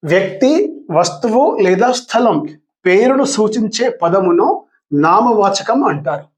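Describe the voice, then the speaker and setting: An older man teaching a grammar lesson, patient and repetitive, asking his students questions and reading English definitions very slowly. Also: high-pitched. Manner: patient, repeats terms and asks the class questions, calls students dear.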